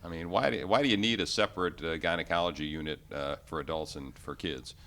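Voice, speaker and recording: A low-voiced male host who talks quickly with a bright, forceful edge. He keeps the interview moving with brisk, upbeat questions and quick replies. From New York State. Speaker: radio show host.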